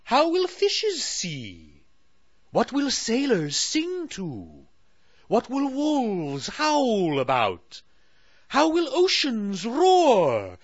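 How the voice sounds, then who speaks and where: A man's voice: very high-pitched, huge pitch swings, voice pushed up, full character voice. A man voicing the huffing Moon Queen. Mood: dramatic. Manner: huffy, slow and dramatic. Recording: dull, dry lo-fi recording.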